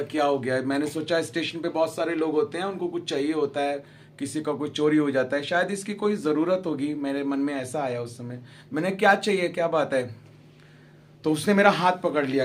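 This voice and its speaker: High-voiced preacher telling a testimony. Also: male voice. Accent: Punjab Hindi. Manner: storytelling, acts out dialogue, drops to hushed tones for emotional moments. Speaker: pastor. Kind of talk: sermon testimony. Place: large prayer gathering.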